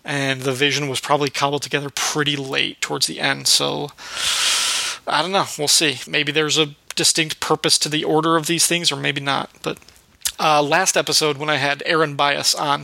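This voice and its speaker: A man's voice: a little high, vocal fry, pushed and bright, no echo, poor audio. A man hosting a podcast, talking things through in a casual, thoughtful discussion. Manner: thoughtful, musing. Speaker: podcast host.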